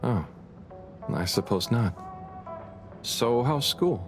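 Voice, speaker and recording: A kindly, naive grown-up friend in a video game. He sounds mild, earnest and a bit hesitant, with lively rises and falls in pitch. Music is clearly audible underneath. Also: takes it slowly. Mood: gently concerned. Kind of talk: video game character dialogue. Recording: music behind the voice.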